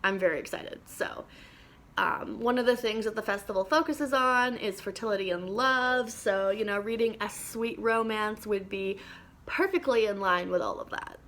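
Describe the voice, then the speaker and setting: A woman's voice: medium pitch, moderate pace, a bit bright. A young woman talking to the camera about her favorite books, chatty and enthusiastic with lots of ums and little laughs. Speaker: book vlogger. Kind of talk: casual book recommendation vlog.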